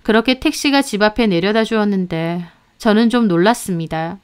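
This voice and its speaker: A woman narrating a first-person story in a calm, even way. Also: medium pitch, moderate pace, clean tone.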